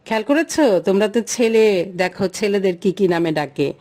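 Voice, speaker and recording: A woman's voice: mid-range voice, normal speed, warm tone. A woman teacher, giving a lesson to a class and asking questions she then answers herself. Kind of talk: classroom lesson explaining a chart.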